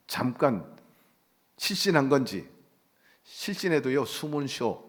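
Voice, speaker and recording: A man's voice: mid-range voice, husky. A man preaching a sermon as pastor in a church, emphatic, with rhetorical questions and rising exclamations. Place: church sanctuary.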